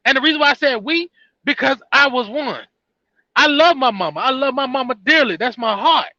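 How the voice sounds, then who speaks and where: Man, very high voice, sharp tone, preachy repetitive advice, dull lo-fi dry sound. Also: animated, a little fast, no echo. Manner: earnest, repetitive, preachy advice with many restarts. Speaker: vlogger giving life advice. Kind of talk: casual monologue to camera.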